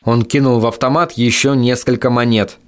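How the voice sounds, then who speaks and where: A man narrating a novel in the first person, in a level, measured reading voice. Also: medium pitch, steady tone. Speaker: audiobook narrator.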